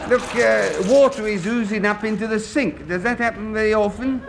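Wisecracking lodger. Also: male voice, sits high, vocal fry. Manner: dry, quick wisecracks. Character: wisecracking young male lodger. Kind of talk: radio comedy acting. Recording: noisy old radio recording.

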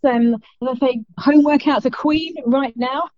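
A middle-aged woman with a South London accent, chatting casually as an interview guest in a halting, self-interrupting way over a muffled remote call. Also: high voice, steady tone, darkish tone. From South London, England. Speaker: fitness instructor, interview guest.

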